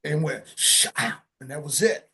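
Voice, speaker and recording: A man, a session drummer, telling studio stories in a casual interview, lively and acting out sounds with frequent laughs. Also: a little high, normal speed. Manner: animated, acts out sounds and quotes, laughs often.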